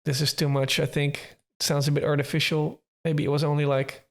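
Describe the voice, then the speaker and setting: Relaxed, fairly high-voiced man explaining. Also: fairly quick. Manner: relaxed, thinking aloud, with small restarts and hedges. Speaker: music producer explaining his track. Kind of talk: casual tutorial talk from a livestream.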